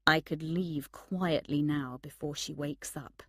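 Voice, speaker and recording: A woman reading the flat, uninterested lines of a carefree young man in a storybook reading. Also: deep voice, takes it slowly, dry recording, studio quality, exaggerated voice.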